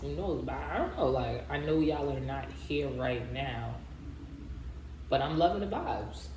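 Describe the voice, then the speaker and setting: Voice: mid-range voice, lively intonation, unhurried. A video host chatting casually and informally to viewers, with lots of slang and direct address. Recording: roomy echo with faint background noise.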